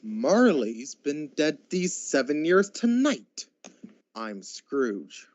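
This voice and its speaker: A man's voice: a little high, very animated, extremely slow, a little mellow, no room sound, muffled recording, full character voice. A man playing a miserly, grumpy old businessman in a radio drama, curt and scornful. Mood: sardonic.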